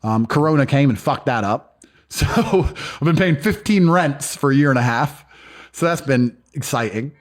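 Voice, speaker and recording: A man telling stories in a casual interview, blunt and profane. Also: medium pitch. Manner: fast, animated, profane storytelling. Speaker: guest.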